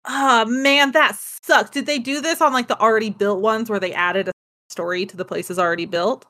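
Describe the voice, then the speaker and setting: A woman's voice: fairly high pitch, normal speed, sharp tone. A woman co-hosting a podcast, reacting with playful, sarcastic quips and lots of laughter. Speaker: podcast co-host. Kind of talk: casual chat, joking reactions.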